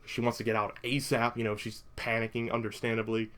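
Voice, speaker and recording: Young guy podcast host, casual recap, wry little jokes, lots of um and uh, mid-pitched voice. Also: completely flat delivery, a little fast, fairly bright tone, a little hiss or hum. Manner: chatty, wry asides, frequent fillers.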